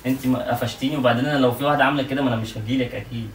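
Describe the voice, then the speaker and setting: A young man with an Egyptian accent talks very fast, tripping over himself as he defends himself. He is caught on a phone placed far across an echoey home room, with steady noise in the background. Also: medium pitch. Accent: Egyptian Arabic. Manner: stammering, defensive denials. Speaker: prankster husband, channel co-host. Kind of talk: casual prank argument at home. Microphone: phone set up across the room.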